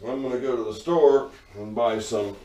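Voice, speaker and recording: A man's voice: medium pitch, normal speed, dark tone, recorded from a distance. A man narrating a casual workshop vlog as a hobby machinist, rambling along with dry, sarcastic humor. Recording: roomy echo, voice away from the mic.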